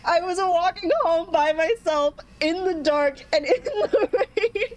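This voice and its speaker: Over a noisy crowd, a young adult podcast co-host spins out a lengthy tale among friends, laughing and saying "um" a lot. Her voice is very high-pitched and she takes her time.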